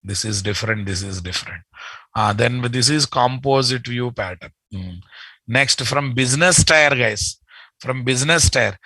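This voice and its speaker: A man's voice: mid-range voice, normal speed, pushed and bright, breathy edge, no echo. A middle-aged man with an Indian Telugu accent, teaching an informal live online lesson as an instructor, repeating his phrases and addressing learners familiarly. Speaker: software instructor. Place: indoor room, video call.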